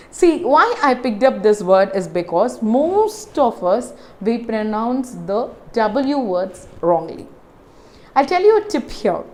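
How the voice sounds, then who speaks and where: A woman with a South Indian English accent teaching English pronunciation, repeating words slowly to demonstrate them. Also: fairly high pitch, a little mellow. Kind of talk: spoken English lesson.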